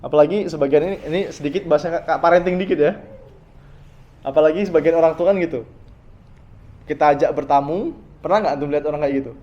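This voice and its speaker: Guy giving a chatty religious talk, kinda high voice, keeps asking the crowd stuff, muffled lo-fi sound. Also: fast talker, pauses often. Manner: talks directly to the listeners, asking them questions. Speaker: Islamic preacher. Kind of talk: conversational religious lecture.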